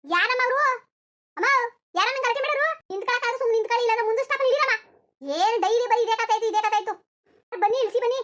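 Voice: very high-pitched, animated, rapid-fire, few pauses, a bit bright. A performer voicing a fed-up bus conductor in a cartoon, impatiently ordering the passengers about. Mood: exasperated. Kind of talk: cartoon voice acting.

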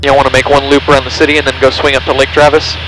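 A man's voice: medium pitch, flat delivery, rapid-fire. A young man as a pilot over the radio and headset intercom, chatting and making calls from a small plane cockpit. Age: young adult. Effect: aviation headset intercom. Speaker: pilot giving a scenic flight. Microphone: aviation headset boom mic. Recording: cockpit headset audio, engine noise.

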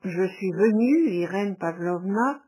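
A woman voicing a troubled young man who forces out a painful love confession, in a halting, strained way. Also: medium pitch, animated, warm tone, breathy edge, dull audio.

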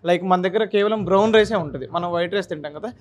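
Young man, higher voice, explanatory interview answers, handheld mic. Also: racing. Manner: explanatory, mixes in English words, fillers. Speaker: restaurant manager interviewed. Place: restaurant inside a gym, indoors. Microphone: handheld mic held by reporter.

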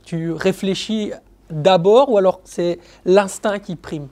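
A man's voice: high-pitched, takes it slowly, a little mellow. A man interviewing a footballer, asking long, meandering questions full of fillers.

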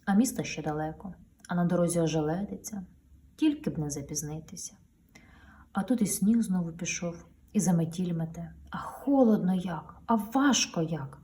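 A woman's voice: fairly low pitch, animated, normal speed, warm tone. A woman reading a children's picture book aloud to her daughter, with playful storytelling and sound effects, heard a little distant from the mic.

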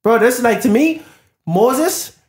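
A man's voice: extremely high pitch, unhurried. Casual man saying bro in an echoey room. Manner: casual and animated, says "bro" constantly. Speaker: podcast co-host. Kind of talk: casual Bible discussion podcast.

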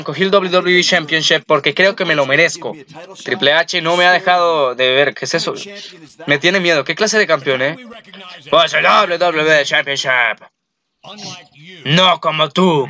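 Luchador presumido y formal, leído por un hombre, voz un poco alta, sonido lo-fi. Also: male voice, on the high side, pushed and bright. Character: smug scheming male wrestler, adult. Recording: lo-fi muffled recording.

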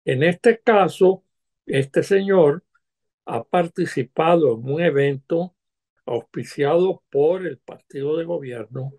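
Gravelly older man on a video call. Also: a little high, slow, a little mellow. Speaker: former diplomat commentator. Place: home study with bookshelves.

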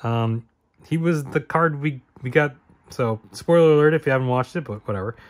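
A man's voice: mid-range voice, moderate pace. A man hosting a card-opening video, listing the names in each pack and rambling as he corrects himself. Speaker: card-opening channel host. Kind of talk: casual card-opening commentary.

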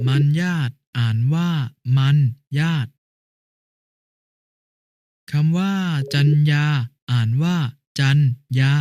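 A patient, helpful big brother from a children's lesson cartoon, played by a man, explaining things step by step in a mellow, slightly high voice. It is recorded dry and close, with no room sound. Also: no echo, close to an everyday voice. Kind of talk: educational cartoon dialogue.

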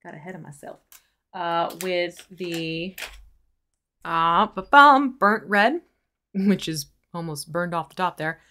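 A woman's voice: fairly low pitch, takes it slowly, pushed and bright. A woman teaching mini painting on a live stream, explaining each step in a chatty way while she works. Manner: explains steps while working, chatty and laughing.

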